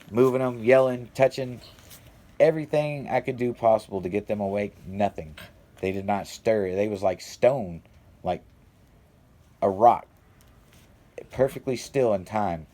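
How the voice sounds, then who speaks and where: A man's voice: lowish voice, mellow. A young adult man telling a rambling, profane story about a personal experience in casual vlog fashion. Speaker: vlogger.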